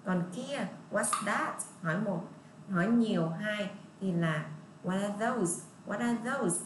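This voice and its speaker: A woman teacher with a Southern Vietnamese accent, patiently explaining English words to young children and repeating model sentences slowly. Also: medium pitch. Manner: patient, repetitive, drawn-out model readings. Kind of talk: online lesson explaining English pronunciation. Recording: echoey room with faint ambient noise.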